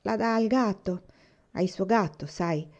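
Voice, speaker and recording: A woman voicing a gentle, earnest young girl who speaks softly and reassuringly. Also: medium pitch, a little slow, muffled recording, natural voice.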